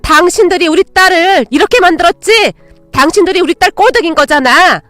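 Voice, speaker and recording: A woman voicing a cruel, superstitious middle-aged mother who shouts shrill accusations in a narrated story. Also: a little fast, no room sound, faint music behind. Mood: shrieking.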